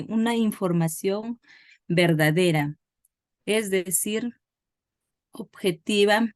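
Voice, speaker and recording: Slow, careful woman student reading. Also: mid-range voice, dry recording, clean studio sound. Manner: careful, stumbles on words. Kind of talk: reading aloud in class.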